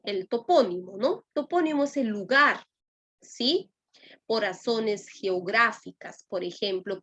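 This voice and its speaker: Slow, patient Peruvian woman teacher. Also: a little high, a bit bright. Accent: Lima Peruvian Spanish. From Peru. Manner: addresses students directly, with frequent "¿no?" and "¿ya?" checks. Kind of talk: explanatory class lecture.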